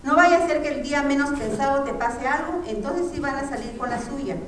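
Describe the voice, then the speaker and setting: A woman's voice: high voice, a little fast, noisy background, close to an everyday voice. A woman voicing a concerned neighbor woman who questions and gives frank advice, in an echoey room far from the mic. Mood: concerned, advising.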